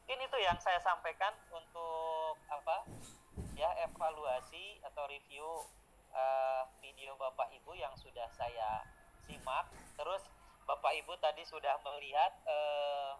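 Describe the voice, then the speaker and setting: A man's voice: on the high side, unhurried, slight background noise, rough recording. A middle-aged man, a teacher-training lecturer, giving informal feedback in a chatty way with frequent tag words and small hesitations.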